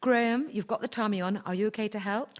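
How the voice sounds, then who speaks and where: A woman playing a patient, gently firm birthing class teacher in a radio sketch comedy. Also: mid-range voice, quick pace, lightly acted.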